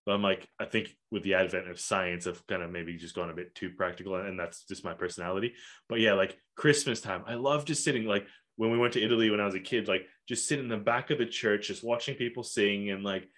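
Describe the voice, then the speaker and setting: A Malaysian-raised man in his thirties rambles loosely through a casual podcast chat, full of fillers and restarts. His voice is on the low side and a bit bright, and he talks fast.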